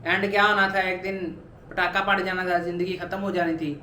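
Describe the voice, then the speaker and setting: A man's voice: high voice, little pitch movement, fairly quick, sharp tone, roomy sound, a little hiss or hum. A man in his twenties talking earnestly in a personal vlog, urging viewers on with repeated motivational points. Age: 20s. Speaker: vlogger. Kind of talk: personal weight-loss vlog.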